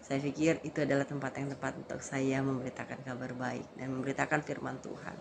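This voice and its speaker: A woman's voice: a bass voice, flat delivery, quick pace, creaky, noisy background. A woman vlogger and street evangelist who tells a story in casual vlog style and keeps addressing her viewers as brothers and sisters.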